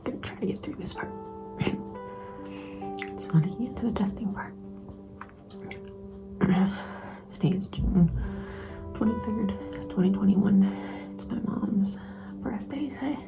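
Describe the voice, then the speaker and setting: A young woman speaks in a hushed, tearful whisper, nervous and emotional. She sits at an ordinary middle pitch, and gentle guitar music plays clearly behind her. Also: low-quality recording. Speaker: vlogger filming a pregnancy test. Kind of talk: intimate whispered vlog.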